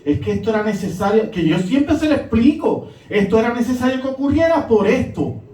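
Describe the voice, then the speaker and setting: High-voiced man preaching in an echoey hall. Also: expressive, fairly quick, mellow. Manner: emphatic preaching, rising and dropping. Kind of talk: sermon. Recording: echoey room, voice from a distance.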